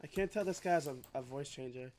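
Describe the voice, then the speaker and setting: A man's voice: fairly high pitch, brisk, a little mellow, slight background noise. An American man from Massachusetts chatting casually as he streams gameplay. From Massachusetts, USA. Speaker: game streamer. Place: small indoor room.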